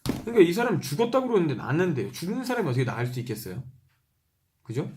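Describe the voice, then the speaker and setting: Man reading scripture slowly. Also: on the high side, very animated, a little mellow. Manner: reads slowly, repeating verses and pausing to explain. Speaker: Bible reader. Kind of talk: reading scripture aloud with commentary.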